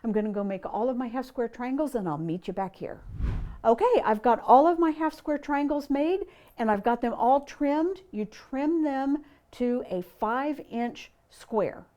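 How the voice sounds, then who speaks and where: A woman's voice: high-pitched, unhurried, dark tone, dull audio. A middle-aged woman hosting a quilting tutorial, chatty and friendly, with frequent ums as she demonstrates sewing steps.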